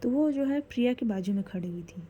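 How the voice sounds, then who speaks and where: A woman's voice: fairly high pitch, expressive, a little fast, dark tone, dull audio, a little hiss or hum. A woman storyteller narrating a story casually, conversational and correcting herself as she goes.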